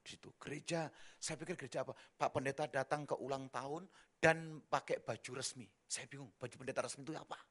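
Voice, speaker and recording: A middle-aged man preaching a sermon as pastor, with a slight tinge, telling a humorous testimony in an animated, joking way. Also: mid-range voice, quick pace. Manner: animated storytelling, jokes, mimics his wife and daughters.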